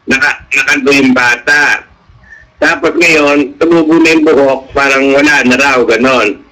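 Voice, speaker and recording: This mid-range voice belongs to a middle-aged man talking a little slowly in a relaxed radio interview. An animated storyteller, he acts out what people said in his stories, though the audio is poor.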